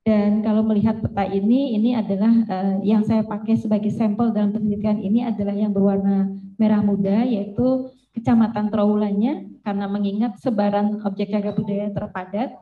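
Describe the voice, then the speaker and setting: A woman researcher giving an online presentation, speaking in a measured way with frequent pauses and fillers, her voice carrying a strong echo. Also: mid-range voice, fairly even intonation. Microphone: video call. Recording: echoey, phone-like video call line.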